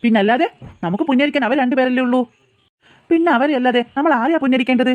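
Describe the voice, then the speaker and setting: A woman's voice: high-pitched, quick pace, no echo, phone-quality sound, lightly acted. A woman doing a teasing cartoon dad. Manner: coaxing, gently teasing. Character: easygoing teasing cartoon father.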